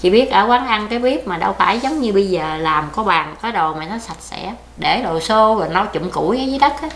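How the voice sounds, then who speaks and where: A woman's voice: mid-range voice, expressive, a little fast. An older woman with a Southern Vietnamese accent, telling her life story in a plaintive, rambling way during an oral history interview. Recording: echoey room with faint background noise.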